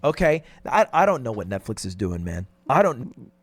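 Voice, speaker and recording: A man giving animated opinion commentary in a blunt, exasperated manner, swearing often. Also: mid-range voice, normal speed, no room sound. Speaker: online commentator.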